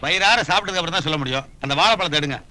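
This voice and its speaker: A man's voice: a little high, rapid-fire, sharp tone. An actor playing a god visiting earth as a man, who asks innocent, wondering questions in a Tamil film comedy. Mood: curious.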